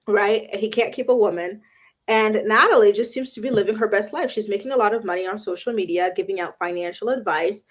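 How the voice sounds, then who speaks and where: A woman hosting a celebrity gossip channel, talking casually and with opinions, often using "um" and "like". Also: medium pitch. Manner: chatty and opinionated, frequent "um" and "like".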